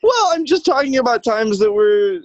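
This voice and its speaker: A man's voice: very high-pitched, very animated, moderate pace, no echo, dull audio. A man hosting a sports podcast in casual chat, wry and teasing, moving between topics. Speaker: podcast host.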